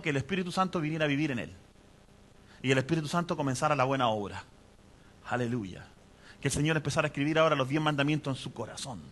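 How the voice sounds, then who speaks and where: A man preaches a sermon in a bright, forceful voice that sits a little higher than most men's. He keeps it conversational, putting questions to the congregation as he goes. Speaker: pastor.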